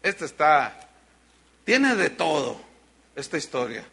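A man's voice: on the high side, takes it slowly, gravelly, husky. A man preaching a sermon, telling stories animatedly and acting out voices. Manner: animated storytelling, acts out voices.

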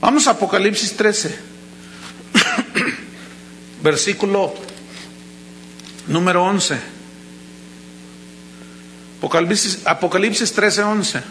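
High bright-voiced male preacher. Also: slow pace, long pauses, slight background noise, low-quality recording. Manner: animated storytelling, acts out quoted voices. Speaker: pastor. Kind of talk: sermon.

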